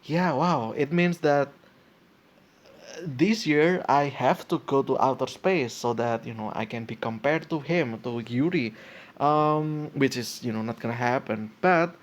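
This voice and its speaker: Young male podcaster in his twenties, hesitant and talky, thinks out loud with constant ums and restarts, mid-pitched voice. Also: unhurried. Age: 20s. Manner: hesitant, full of fillers and restarts, thinking aloud. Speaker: podcast host. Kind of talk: casual solo podcast, reading and reacting.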